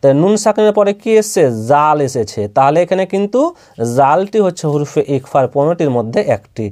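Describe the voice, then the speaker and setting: A man with a fairly high, warm voice and lively intonation teaches Quran letter reading in a patient, slow, spelled-out recitation lesson. He speaks fairly quickly with a Bangladeshi Bengali accent, asking questions and answering them himself.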